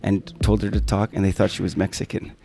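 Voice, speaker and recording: A middle-aged man co-hosts a relaxed talk show. His voice sits low with a gravelly fry, and he tells stories in an animated way. Faint music plays underneath. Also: quick pace. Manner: animated storyteller. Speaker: co-host. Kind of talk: casual chat.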